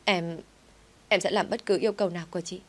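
A woman's voice: fairly low pitch, fairly even intonation, fast talker, a bit bright, lightly acted. Woman voicing a desperate pleading young wife.

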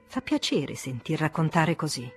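A woman reading the part of a calm, kindly older man who answers his friend with gentle, measured composure, in an audiobook. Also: sits low, slightly rough, voice pushed down, heavily acted. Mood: serene.

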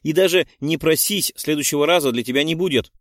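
A man's voice: on the high side, fast, dry recording, pitched above the performer's own voice, close to an everyday voice. A man voicing a hot-tempered teenage girl, heated and indignant.

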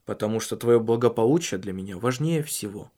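A man voicing a calm, measured husband in an audiobook, speaking earnestly and carefully. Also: lowish voice. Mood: earnest, probing.

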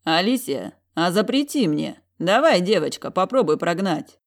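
A woman voicing a commanding, possessive male dragon general in an audiobook, stubborn and low, tender when he is close. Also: big pitch swings, moderate pace, gravelly. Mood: taunting. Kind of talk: audiobook reading.

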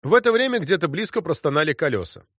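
A man reading a literary story as an audiobook, in an expressive narrating voice. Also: a little high, quick pace, dry recording, studio quality.

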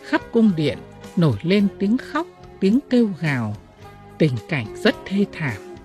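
A woman reading classic ghost tales aloud in an expressive, dramatic storytelling style. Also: on the low side, slow, faint music behind. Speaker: audiobook reader.

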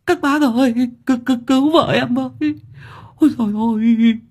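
Man voicing a high, wailing, desperate husband for an audiobook. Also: moderate pace. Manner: wailing, pleading. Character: wailing distraught husband, middle-aged man.

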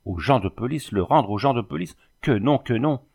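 A man's voice: mid-range voice, lively intonation, normal speed, gravelly, a little mellow, slightly rough, pitched above the performer's own voice. A man reading the part of a blustering old male carter in a storybook, folksy and exclamatory. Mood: indignant.

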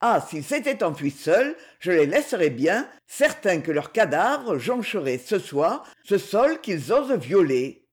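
A man's voice: high voice, very animated, measured pace, hardly any pauses. A man voicing a stern, commanding male leader who gives firm orders.

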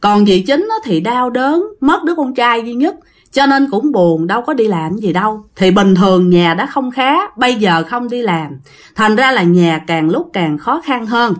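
A woman's voice: a little high, lively intonation, normal speed. A woman with a Southern Vietnamese accent telling a ghost story in a chatty way, speaking straight to her listeners. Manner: chatty, addresses listeners directly.

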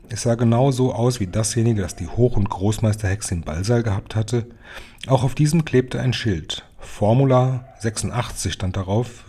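A man reading a children's storybook aloud with steady, plain narration. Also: lowish voice, breathy edge. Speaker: reader.

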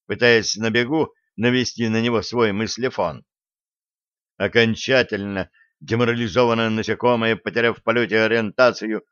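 A man narrating an audiobook with an expressive, lively reading. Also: lowish voice, no room sound. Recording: dry, slightly dull audio.

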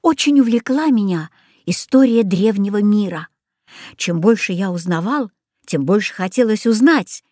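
A woman reading a children's story aloud as first-person narration in a steady storytelling manner. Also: mid-range voice, normal speed, no room sound, studio quality. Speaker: audiobook reader.

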